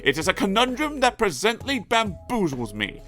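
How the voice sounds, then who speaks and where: A man's voice: sits high, wildly swooping pitch, moderate pace, a bit bright, soft background music, pitched above the performer's own voice, exaggerated voice. A man putting on the Doctor, pompous and blustering. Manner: long-winded, grand and blustering. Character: pompous, excitable male Time Lord. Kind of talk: storybook reading.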